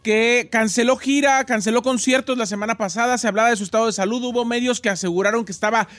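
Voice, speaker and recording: A man with a fairly high voice reads entertainment news and banters with his co-hosts. His joking delivery sits in a dry, close studio sound. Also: fairly even intonation, fairly bright tone, no echo. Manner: quick, joking, corrects others. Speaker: radio co-host, entertainment news. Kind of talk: radio show banter. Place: radio studio. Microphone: studio microphone.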